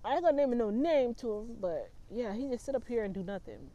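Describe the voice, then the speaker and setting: A woman's voice: a little high, big pitch swings, a little fast, warm tone, lo-fi sound. A woman in her twenties telling a personal story in a vlog, talking in a blunt, profane and emphatic way. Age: 20s. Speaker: vlogger.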